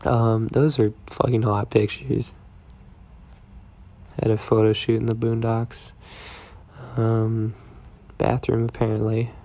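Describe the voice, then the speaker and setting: A young man drifts through a casual video diary in a slow, rambling drawl, sounding stoned. His low voice has a gravelly fry and a dark, mellow tone. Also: monotone. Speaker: vlogger.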